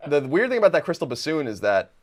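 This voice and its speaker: A man in his thirties co-hosting a casual comedic talk show, teasing his co-host in deadpan banter. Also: fairly high pitch, fast talker. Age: 30s.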